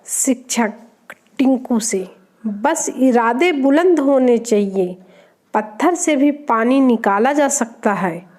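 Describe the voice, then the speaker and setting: Slow, high-voiced woman reading jokes. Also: animated, darkish tone. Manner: names each speaker before their line. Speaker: joke reader. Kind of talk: reading short jokes aloud.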